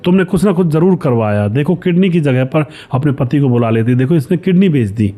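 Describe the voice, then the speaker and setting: A man's voice: on the high side, animated, brisk, dark tone, lightly acted. A man voicing a distraught older village mother in a story. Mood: shocked, reproachful. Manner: wailing reproach.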